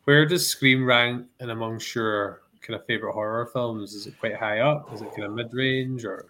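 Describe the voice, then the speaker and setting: A man's voice: medium pitch, steady tone, moderate pace, pushed and bright, slight background noise. A man co-hosting a film podcast, asking his guests questions in an easygoing way. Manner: inquisitive, easygoing. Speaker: podcast co-host. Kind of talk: casual film discussion.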